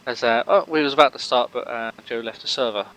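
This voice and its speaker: A man's voice: mid-range voice, quick pace, fairly bright tone, clear, resonant tone, poor audio. Joking, rambling male race commentator. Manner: rambling, filler-heavy, jokey banter. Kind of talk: live sim racing commentary.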